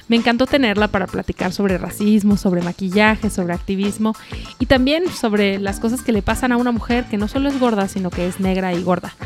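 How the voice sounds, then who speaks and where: A Mexican woman hosting a podcast interview in a studio, chatty, with quick interjections. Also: mid-range voice. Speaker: podcast host.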